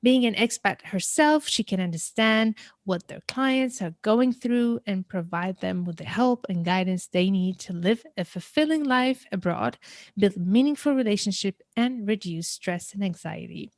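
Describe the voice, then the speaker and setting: A woman's voice: mid-range voice, moderate pace, no echo. A woman hosting a business podcast interview, upbeat and speaking straight to her listeners. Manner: upbeat, addresses listeners directly. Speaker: podcast host.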